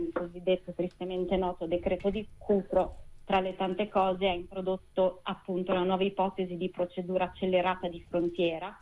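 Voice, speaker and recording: A woman lawyer, a guest on a radio interview, talking over a tinny phone line in measured, precise legal phrasing. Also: on the low side. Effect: speaking over a phone line.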